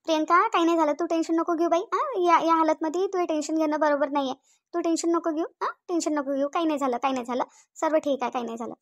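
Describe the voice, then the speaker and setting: A woman's voice: high voice, quick pace. A woman voicing a fussy middle-aged village mother with a Varhadi Marathi accent, who talks repetitively and keeps adding tag questions. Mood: soothing.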